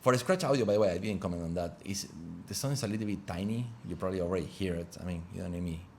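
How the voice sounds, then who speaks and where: Guy chatting loosely through a mic review at home, lowish voice. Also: rapid-fire, a little hiss or hum. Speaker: gear reviewer. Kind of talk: casual product review. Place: home room with open window. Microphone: wireless lav mic under test.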